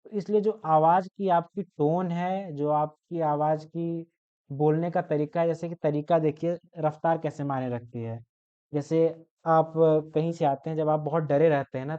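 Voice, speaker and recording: A man's voice: a little high, steady tone, normal speed, warm tone, clean tone, dull audio. A young man in his twenties teaching an online class, explaining with everyday examples and often checking in with his students. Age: 20s.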